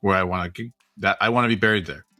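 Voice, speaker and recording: A man from American Samoa co-hosts a casual podcast. His rambling, joking talk is bright and forceful, set low in pitch. The sound is dry. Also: fast, no echo, faint music behind. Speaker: podcast co-host.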